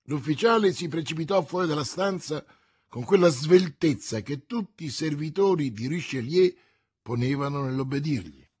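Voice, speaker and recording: A man narrating a classic novel as an audiobook reading, in a measured, expressive storytelling manner. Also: fairly high pitch, slightly rough.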